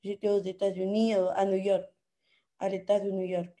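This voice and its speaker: A woman in her thirties, a native Spanish speaker with a noticeable Spanish accent in French, joins an online call. Her voice sits at a medium pitch and sounds mellow. She speaks haltingly, with many hesitations. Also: flat delivery. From Ecuador. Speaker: caller.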